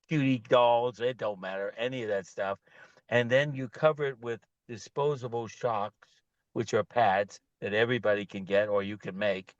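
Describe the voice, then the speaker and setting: A man pitching his bedding product as a guest on a video call, talking in a loose, digressive way. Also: no echo, muffled recording. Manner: loose, digressive, animated storytelling.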